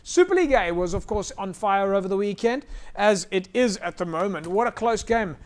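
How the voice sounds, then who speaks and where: A man's voice: high voice, lively intonation, fairly quick. A South African man hosting a live rugby show, presenting casually in a chatty, hesitant way.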